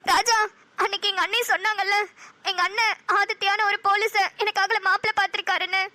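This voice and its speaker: A woman's voice: very high-pitched, level tone, fairly quick, bright, forceful tone, no echo. A woman with a Namakkal Tamil accent voicing a frightened, tearful young woman in a cartoon, pleading as she speaks.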